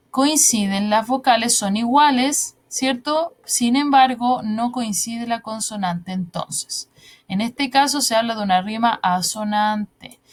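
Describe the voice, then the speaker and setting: A woman teaching an online class, patiently explaining step by step and checking in with her students often. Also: fairly high pitch.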